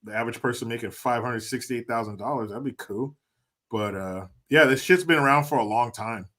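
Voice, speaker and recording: A man's voice: mid-range voice, a little fast, sharp tone. A man hosting a podcast, chatting casually, joking and swearing. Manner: laid-back, joking, swearing. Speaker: podcast host. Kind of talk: casual chat.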